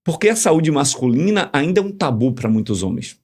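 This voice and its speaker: A man explaining ideas in a casual podcast conversation, animated and teacherly, full of examples. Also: on the high side, brisk. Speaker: communication guest.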